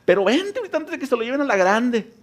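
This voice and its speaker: A woman's voice: a little high, very animated, pitched above the performer's own voice. A man putting on pleading, anxious aunts. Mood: pleading, hurried. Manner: pleading and hurried.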